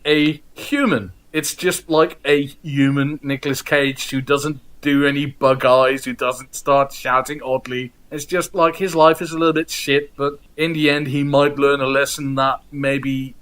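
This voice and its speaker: A man from the Netherlands co-hosting a podcast over a video call, musing in a laid-back way and drifting off softly. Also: medium pitch, flat delivery, unhurried, few pauses. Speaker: podcast co-host.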